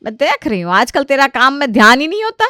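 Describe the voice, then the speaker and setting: A woman voicing a bossy mother-in-law in a cartoon story, loud and scolding. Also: high voice, big pitch swings, quick pace, no room sound, clean studio sound, pitched above the performer's own voice, heavily acted. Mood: angry. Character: bossy mother-in-law who loves her sari.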